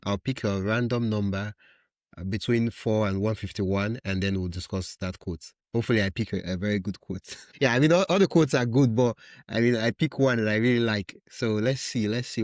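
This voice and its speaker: A man's voice: fairly low pitch, fairly quick, darkish tone, no room sound, studio quality. A man hosting a podcast interview, enthusiastic and given to hesitant restarts. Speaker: podcast host.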